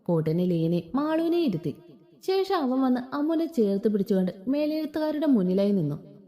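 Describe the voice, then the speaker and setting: A woman's voice: high voice, sing-song, normal speed, warm tone. A woman narrating a written story expressively. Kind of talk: scripted narration.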